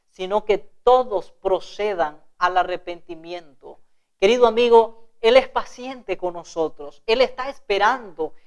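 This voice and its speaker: A woman from Honduras with a Honduran accent preaching a televised sermon, speaking earnestly to viewers and reading scripture slowly. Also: mid-range voice. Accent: Honduran Spanish.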